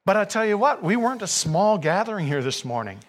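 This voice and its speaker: A high-pitched man preaching in a church sanctuary. He reads scripture and then talks earnestly to his congregation, pressing his points with growing fervor. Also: very animated, fairly quick. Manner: earnest, rising to fervent emphasis. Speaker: pastor. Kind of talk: sermon.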